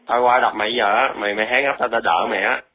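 A man's voice: fairly low pitch, fairly even intonation, fast talker, pushed and bright. A man making a prank call, swearing and threatening crudely. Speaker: prank caller.

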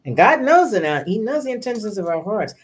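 A woman's voice: mid-range voice, very animated, fairly quick, breathy edge. A woman, talking earnestly about her faith in a casual podcast chat, with many restarts. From New York.

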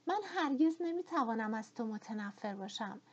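A woman voicing a young woman desperately pleading for her love, with a breathy, slightly muffled tone. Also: fairly high pitch, animated, a little mellow.

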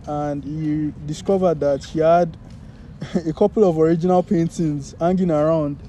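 Young nigerian guy rambling on a podcast, higher mellow voice, faint street noise. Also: fairly even intonation, measured pace, low-quality recording. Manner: rambling, searches for words. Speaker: podcast co-host. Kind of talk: casual chat.

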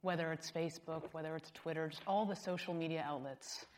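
A woman moderates a conversation on stage in front of a live audience. Her voice is on the lower side, and she asks friendly, inquisitive questions that guide her guest forward. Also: fairly even intonation, brisk, a little hiss or hum. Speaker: interview moderator. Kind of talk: onstage interview hosting.

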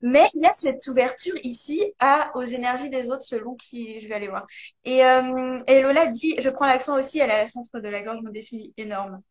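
High-voiced woman explaining eagerly. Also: moderate pace. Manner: animated, explaining with many fillers. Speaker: guest, coach. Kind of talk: casual conversation, live video.

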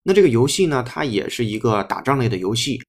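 A man's voice: mid-range voice, sing-song. Male language teacher, patient and methodical, mid-range voice, breaks each sentence down. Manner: slow, patient, spells words letter by letter. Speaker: English teacher. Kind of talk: explaining a text line by line.

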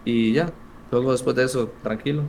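A man's voice: mid-range voice, brisk, creaky, slight background noise. A young man with a Costa Rican accent, a streamer telling stories in a casual, slang-heavy interview chat. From Costa Rica. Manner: slangy, animated storytelling.

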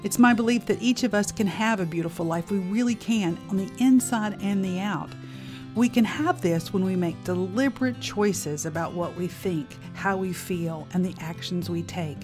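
A woman hosting her own podcast, delivering a scripted monologue in an expressive, emphatic and inviting way. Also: medium pitch, normal speed, over music. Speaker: podcast host.

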